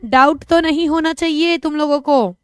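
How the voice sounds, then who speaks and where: A woman's voice: sits high, moderate pace, no room sound. A young woman teacher with an Indian accent giving a live online class, chatty and joking, mixing two languages as she explains. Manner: chatty, jokey, switches between two languages.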